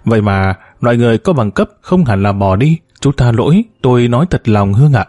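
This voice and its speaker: A man's voice: mid-range voice, animated, brisk, darkish tone, no room sound, close to an everyday voice. A man voicing a desperate middle-aged woman who pleads tearfully in a spoken story. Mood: pleading.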